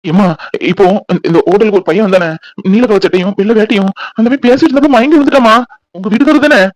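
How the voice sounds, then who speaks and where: A man's voice: sits high, racing, dry recording, natural voice, poor audio. A man voicing a teasing, playful young husband in a cartoon. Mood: scheming. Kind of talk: Tamil cartoon voice acting.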